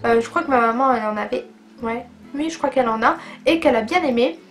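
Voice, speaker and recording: A woman's voice: fairly high pitch, quick pace, faint music behind. A woman chatting enthusiastically in a casual beauty vlog, reviewing makeup products with plenty of fillers. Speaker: beauty vlogger.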